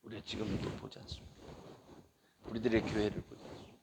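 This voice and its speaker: A middle-aged male pastor preaching a sermon and leading a closing prayer, with impassioned, pleading cries that rise to loud exhortation. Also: fairly low pitch, level tone, fast talker, background noise.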